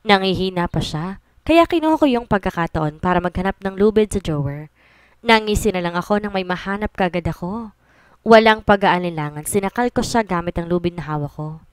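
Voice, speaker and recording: A woman narrating a romance story in first person, with steady storytelling and English phrases mixed in. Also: lowish voice, a little fast, clean tone, no echo. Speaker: audiobook narrator.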